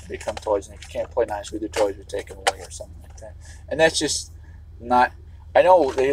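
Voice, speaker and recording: Behind the wheel on a livestream, a man from around Chicago wanders through a monologue, swearing liberally and repeatedly restarting. The audio is poor, with a little hiss or hum, and his voice is lowish and a little mellow.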